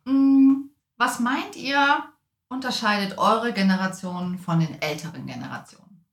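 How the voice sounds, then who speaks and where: A woman's voice: medium pitch, lively intonation, a little slow, gravelly. A woman hosting her podcast, asking her young guests guiding questions. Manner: friendly, asks guiding questions. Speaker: podcast host. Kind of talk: moderating a podcast conversation. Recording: echoey room with faint music.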